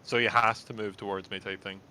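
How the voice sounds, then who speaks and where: A man's voice: fairly low pitch, little pitch movement, brisk, pushed and bright, slight background noise. A man taking part as a player in an online tabletop game, chatty. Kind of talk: casual play over voice chat.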